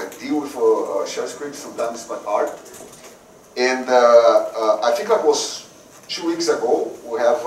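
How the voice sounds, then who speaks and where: A man from Brazil, giving a technical conference talk in a halting way, often repeating words before going on. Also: medium pitch. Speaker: conference speaker. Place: conference room. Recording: roomy hall, voice from a distance, faint noise.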